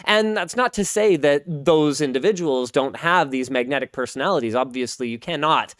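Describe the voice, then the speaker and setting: A man's voice: on the high side, moderate pace, a bit bright, dry recording, studio quality. A man in his thirties from Canada, hosting a casual podcast, who rambles and repeats himself as he talks. He says he has a Pacific Northwest way of speaking. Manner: rambling, self-interrupting, repeats words. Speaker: podcast host.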